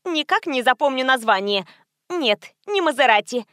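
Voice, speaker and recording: A woman voicing a loud, brash young brunette who shouts in a shrill voice. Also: lively intonation, unhurried, no room sound, clean studio sound. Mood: excited shouting.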